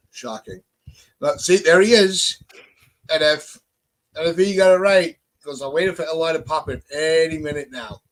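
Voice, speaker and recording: A man with a slightly high voice hosting a sports podcast. He talks in a blunt, emphatic way, as a casual chat with his co-host. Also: a bit bright, poor audio.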